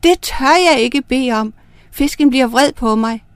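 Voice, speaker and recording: A woman's voice: sits high, clean tone, dry recording, voice pushed up, natural voice. A woman voicing a poor, timid fisherman who pleads fearfully in a storybook tale. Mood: frightened.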